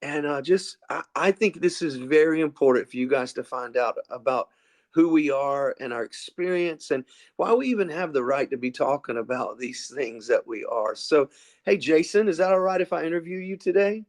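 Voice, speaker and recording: A man's voice: on the high side, normal speed. A man co-hosting a podcast, talking casually and restarting phrases. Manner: casual, chatty, some restarts. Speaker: podcast co-host. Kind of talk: podcast interview.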